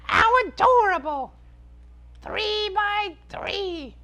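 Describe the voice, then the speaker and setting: A shrill, bratty imp sidekick shrieks with piercing brightness, his voice leaping all over the place. He sounds excitable and strained, always on the edge of shouting. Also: very slow, full character voice. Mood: gleeful. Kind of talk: comic product skit.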